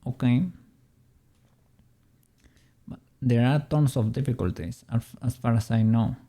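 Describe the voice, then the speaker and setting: A 3D modeling streamer chatting casually on a livestream and muttering quietly to themself while working. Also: mid-range voice, fairly even intonation, unhurried.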